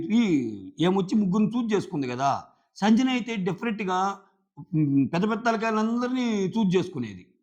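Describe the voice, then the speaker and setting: A man giving a casual, animated recap and acting out what others said. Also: high-pitched. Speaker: show commentator. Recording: dull lo-fi sound.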